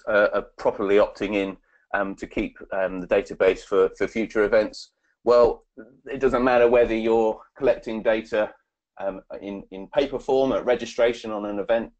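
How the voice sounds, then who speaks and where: A man giving a webinar presentation and answering questions, halting with many fillers and restarts. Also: lowish voice, highs cut off.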